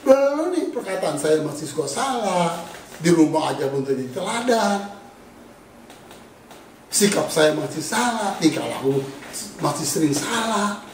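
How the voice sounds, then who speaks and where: A man's voice: high-pitched, very animated, measured pace, long pauses. A man in his sixties with an Indonesian accent, preaching a sermon in an earnest, confessional way with self-deprecating laughs. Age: 60s. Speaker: pastor. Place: church hall. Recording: echoey hall, mic at a distance, faint noise.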